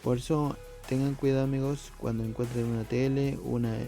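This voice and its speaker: A man with a dark, gravelly voice gives a casual video language lesson. He talks patiently to his viewers as friends, repeating words slowly so they can copy the sounds, with faint music underneath. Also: medium pitch, little pitch movement. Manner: addresses viewers often as friends. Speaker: language teacher.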